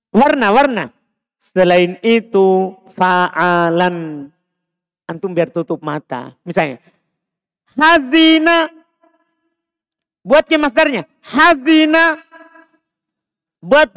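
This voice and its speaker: High-voiced Indonesian teacher drilling students, slow. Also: male voice, fairly bright tone, smooth. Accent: Indonesian, Makassar. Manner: drills students with short repeated prompts. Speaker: Islamic teacher. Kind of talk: live Arabic morphology class. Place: mosque.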